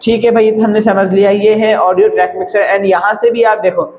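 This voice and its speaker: A man's voice: high-pitched, level tone, a little fast, darkish tone, dull audio, slight background noise. A man teaching audio editing in a casual screen-recorded tutorial, chatty and repetitive. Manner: chatty, repeats "thik hai" and "bhai".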